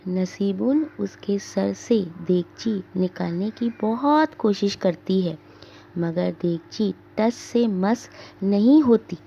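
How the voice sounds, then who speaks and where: A woman teacher reading a drama aloud for her class, giving the scene directions slowly and deliberately. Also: medium pitch, animated, creaky, mellow, slight background noise. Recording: dull lo-fi recording.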